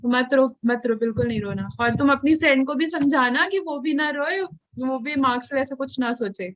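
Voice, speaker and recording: A woman playing a calm, faithful teenage schoolgirl in an amateur church skit, soothing and gently preachy. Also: high voice, moderate pace, close to an everyday voice.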